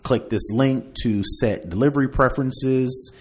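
A podcast host with a medium-pitched voice talks casually through tech news at a measured pace, partly reading aloud in a conversational way.

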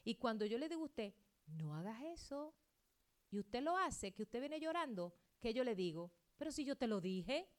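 A middle-aged woman pastor preaching a sermon, acting out quoted dialogue and swinging between loud outbursts and hushed asides. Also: a little high, sing-song, moderate pace.

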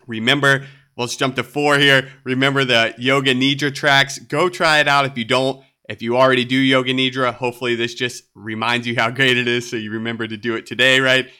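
A man hosting a solo podcast episode in a laid-back, upbeat way, sounding a bit nasal from a cold and often tossing in a quick "right?". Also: mid-range voice, sharp tone, clean tone. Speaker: podcast host.

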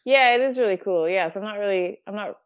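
A woman from Canada chatting in a relaxed interview, laughing often and using lots of fillers. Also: medium pitch, fast talker. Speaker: guest. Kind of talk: casual conversation. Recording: dull lo-fi audio.

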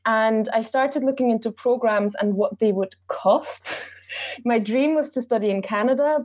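Austrian woman chatting in an interview. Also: medium pitch. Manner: relaxed, chatty, with filler ums. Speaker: travel blogger and podcast guest. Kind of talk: casual interview answers.

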